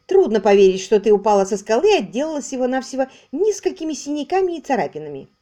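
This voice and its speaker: A woman's voice: high-pitched, big pitch swings, quick pace, warm tone, voice pushed up. Woman voicing prim skeptical woman, doubting, audiobook.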